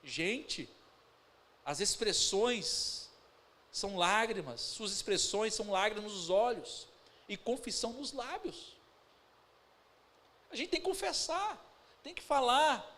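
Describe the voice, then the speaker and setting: Under a bed of instrumental music, a high-pitched pastor with a Brazilian Portuguese accent preaches, swinging from calm storytelling about his family to loud emphatic bursts and deliberately slow, stressed words. He addresses the congregation as brothers.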